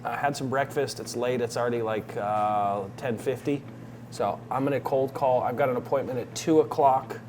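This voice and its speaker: A man's voice: medium pitch, moderate pace, music in the background. A man talking casually to viewers in a day-in-the-life vlog, like an informal coach explaining his plans. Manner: informal vlogger addressing viewers. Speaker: vlogger and real estate investing coach.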